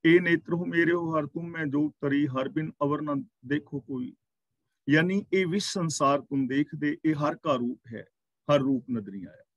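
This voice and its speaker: A man teaching a scripture class, reciting verses slowly and then explaining their meaning word by word. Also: a little high, no room sound, muffled recording.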